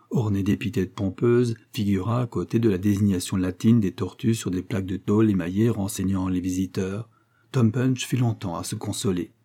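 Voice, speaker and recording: A man narrating a classic adventure novel in a steady, measured reading. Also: lowish voice, slightly rough. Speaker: audiobook narrator.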